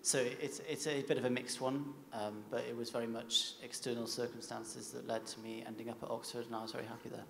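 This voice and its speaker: A man's voice: medium pitch, flat delivery, fairly quick, creaky, few pauses, a bit bright. A man, giving a reflective, hesitant personal talk on an informal panel. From South Wales. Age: 20s. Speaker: panel speaker, recent music graduate. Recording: echoey hall, long reverb, faint noise.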